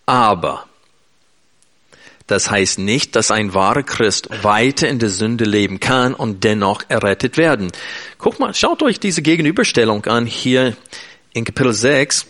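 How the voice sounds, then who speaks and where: A man's voice: mid-range voice, animated, a little slow, a bit bright. A man preaching an earnest, emphatic sermon in German, speaking directly to his listeners.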